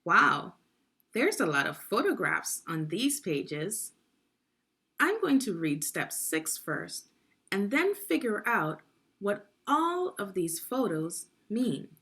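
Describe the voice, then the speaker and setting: Her mid-range voice is very animated and sharp in tone, though she reads slowly. This woman leads a children's read-along, teaching with crisp enunciation and asking the young audience questions.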